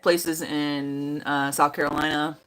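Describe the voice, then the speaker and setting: A middle-aged woman chatting casually about ghost hunting trips, relaxed and full of fillers. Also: sits low, slow, slight background noise, poor audio. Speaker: mother and moderator of the stream. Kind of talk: casual chat.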